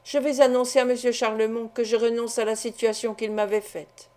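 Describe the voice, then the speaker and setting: A woman's voice: on the high side, flat delivery, fairly quick, a little mellow, close to an everyday voice. A woman reading the lines of an anguished, honourable middle-aged father in an audiobook, grave and resolute. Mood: gentle resolve.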